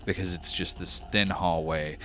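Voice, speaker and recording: A man's voice: deep voice, fairly even intonation, normal speed, sharp tone, soft background music. A man narrating a tabletop game as game master in a casual, descriptive style.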